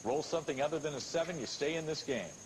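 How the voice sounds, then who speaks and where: An American man hosting a televised game show with smooth patter and drawn-out suspense. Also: a little high. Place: television studio with audience. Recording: noisy old TV broadcast tape.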